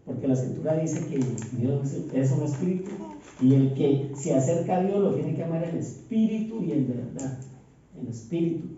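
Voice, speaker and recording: A man's voice: on the high side, animated, mellow, slight background noise. A man preaching a sermon in a church, often checking in with his listeners with a rhetorical "¿sí?". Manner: reads scripture slowly with stress. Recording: echoey church hall, distant dull mic.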